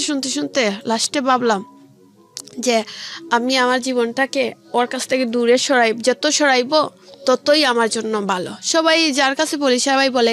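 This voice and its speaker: Her voice is high-pitched and a little bright. Speaking from a radio studio with music in the background, this young woman with a Bangladeshi accent shares her life story informally and often quotes exchanges directly.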